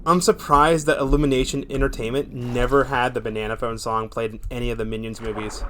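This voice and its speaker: A man's voice: mid-range voice, level tone, a little fast, fairly bright tone, a little hiss or hum. Male game streamer, mid-range voice, casual rambling live chat with viewers.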